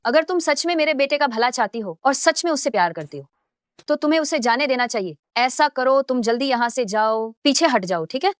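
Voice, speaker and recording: A woman's voice: high-pitched, animated, fairly quick, clear, resonant tone, dry recording, clean studio sound. A woman voicing a scheming middle-aged mother who mocks and threatens a young woman. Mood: scornful. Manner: mocking and scornful. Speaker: dubbing actor. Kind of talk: Hindi dub of a short drama.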